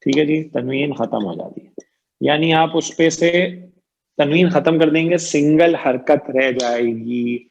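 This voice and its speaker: A man's voice: fairly high pitch, vocal fry, darkish tone. Guy teaching grammar online, patient, keeps asking the class questions, muffled audio. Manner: explains patiently, asks students questions and repeats points.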